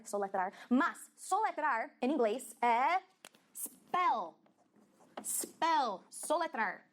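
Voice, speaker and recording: A woman teaching an English lesson in a casual, playful way, drilling letters aloud and laughing at her own slips, with Portuguese as her first language. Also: high voice.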